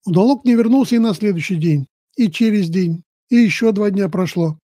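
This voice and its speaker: A man narrating a storybook tale in a measured, steady reading. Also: sits high, no echo, clean studio sound.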